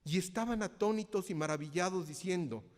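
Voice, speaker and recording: A man's voice: high-pitched, a little fast, long reverb tail. A male minister with a Mexico City accent preaching a sermon, often turning to ask the congregation questions. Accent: Mexico City Spanish. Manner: interactive, asks congregation questions.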